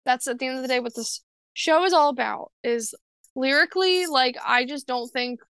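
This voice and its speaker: Emphatic young woman, slightly high, gravelly. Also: normal speed, fairly bright tone, dry recording. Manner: emphatic, swears freely, trails off and restarts. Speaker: podcast co-host. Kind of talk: casual chat about music.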